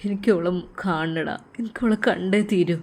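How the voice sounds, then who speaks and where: A woman's voice: on the low side, measured pace. Heartbroken young man, tearful and pleading, read by a woman storyteller. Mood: hushed pleading. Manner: tearful pleading, softening to hushed begging. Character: young man, heartbroken, weeping for his lost bride.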